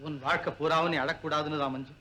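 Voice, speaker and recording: Actor doing a grave vengeful young hero, old film scene, high bright voice. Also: male voice, little pitch movement, quick pace, slight background noise. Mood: resolute. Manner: solemn and grave, turning to impassioned shouting. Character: grim young man set on revenge, breaking off his engagement. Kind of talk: 1960s Tamil film acting.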